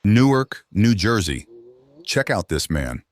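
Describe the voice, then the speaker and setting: A man's voice: on the low side, big pitch swings, slow. A man reading scripted narration for caught-on-camera clips, recorded as a close voice-over. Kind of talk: scripted true-crime clip narration. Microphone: close dry voice-over mic.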